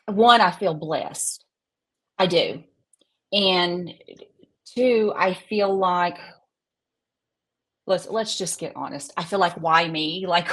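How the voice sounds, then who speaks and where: Middle aged lady, kinda low voice, folksy and honest, stop-and-start, talking about her life in an interview. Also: fairly bright tone. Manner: folksy, candid, halting and self-deprecating. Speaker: interview guest, psychic medium and minister. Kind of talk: personal storytelling in an interview.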